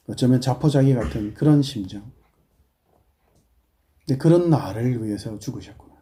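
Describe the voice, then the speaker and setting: Korean pastor with a Busan accent, dark-toned. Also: male voice, mid-range voice. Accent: Busan Gyeongsang Korean. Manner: swings from hushed, prayerful murmurs to loud scolding rhetorical questions. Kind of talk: sermon.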